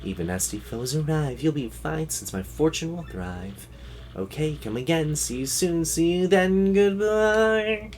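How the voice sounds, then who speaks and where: A man's voice: a little high, expressive, unhurried, a little mellow, faint music behind, pitched above the performer's own voice. A man voicing a cute female fortune teller from a video game, reciting cheerful, mystical patter in singsong rhymes. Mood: cheerful, reassuring. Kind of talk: reading video game dialogue aloud.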